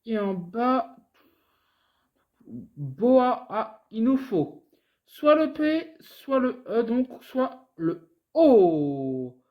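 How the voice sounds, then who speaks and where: A woman's voice: on the high side, big pitch swings, very slow, pauses often, dull audio. A woman with a French accent from France, hosting a scratch-card video and chatting casually to her viewers as she goes. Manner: chatty, talks to viewers, repeats letters in sing-song runs. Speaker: host scratching lottery tickets. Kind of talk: casual play-by-play commentary.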